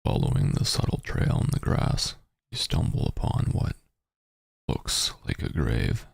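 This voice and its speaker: A man with a husky, slow voice streams a game in a close, dry sound. He reads the story text aloud with swooping pitch and drops into halting, muttered asides. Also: huge pitch swings, dry recording. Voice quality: very deep, gravelly, husky. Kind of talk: reading game text aloud with casual commentary.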